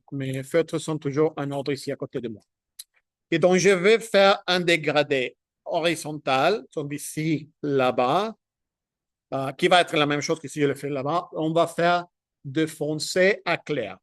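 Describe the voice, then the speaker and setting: Slow, halting man teaching marker drawing. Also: a little high, dry recording, studio quality. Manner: halting, thinks aloud while demonstrating; checks in with "ok?" often. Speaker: drawing instructor. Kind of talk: hands-on drawing tutorial.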